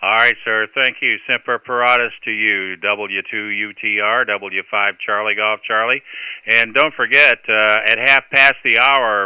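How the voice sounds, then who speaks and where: A man's voice: medium pitch, pushed and bright, clean tone, no room sound, rough recording. A man working as an amateur radio net controller, speaking in courteous, procedural marine radio style with phonetic call signs.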